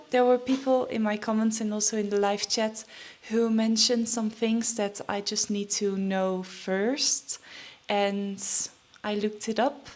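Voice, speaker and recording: A woman's voice: on the high side, darkish tone. A young woman chatting casually in a vlog, a bit nervous and out of breath, with many fillers and restarts. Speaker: trading vlogger.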